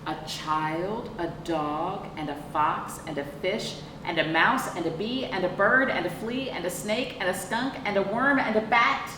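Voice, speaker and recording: A middle-aged children's librarian with a medium-pitched voice hosts storytime, reading a picture book aloud to young children. She explains things deliberately and poses rhetorical questions. The audio is echoey and noisy, picked up by a camera a few feet away in an indoor room with a sofa.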